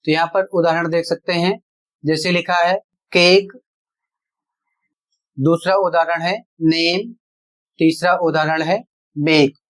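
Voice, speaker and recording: Unhurried classroom voice at a mid pitch; a teacher who spells out each rule and repeats every example. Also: fairly even intonation. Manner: deliberate, repeats rules and examples step by step. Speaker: English pronunciation teacher. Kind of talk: slow explanatory online lesson.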